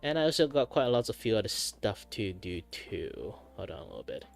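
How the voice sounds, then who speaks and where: Animated male anime-style streamer. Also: fairly low pitch, a little fast, creaky, faint music behind. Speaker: streamer host. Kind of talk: casual livestream chat.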